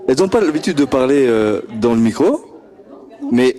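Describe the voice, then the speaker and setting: At a homework-help group, a man holds a handheld mic that gets passed around and asks the children friendly questions. His medium-pitched, mellow voice swings widely in pitch at a moderate pace, and he stammers, repeats words and chuckles a lot.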